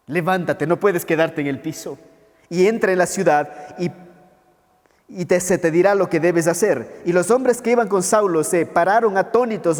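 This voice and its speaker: A male pastor preaching a sermon, asking his listeners rhetorical questions and slowing down for quoted words. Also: fairly high pitch, a little mellow. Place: church hall. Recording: long church reverb.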